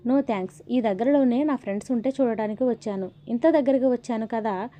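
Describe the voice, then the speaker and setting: A man's voice: very high voice, a little fast. A woman voicing a polite, anxious middle-aged male professor in a storybook reading. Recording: dull lo-fi audio.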